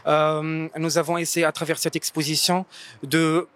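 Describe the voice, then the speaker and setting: A man speaking for a museum in a halting interview statement with frequent fillers and restarts. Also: on the high side, level tone, fairly bright tone.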